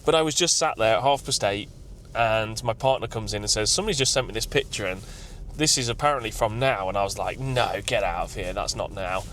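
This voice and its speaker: A man who works as a tree consultant, vlogging about his day in an excited, rambling, emotional way from his car. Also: on the low side, fast, few pauses, slight background noise. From England. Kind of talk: vlog. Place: outdoors at night, then in a car.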